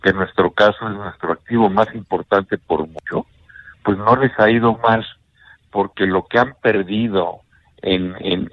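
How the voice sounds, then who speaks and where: An older bank executive with a Mexican Spanish accent offers measured investment advice in a radio interview, often closing points with a questioning tag. His voice is lowish, with no room sound and a muffled recording.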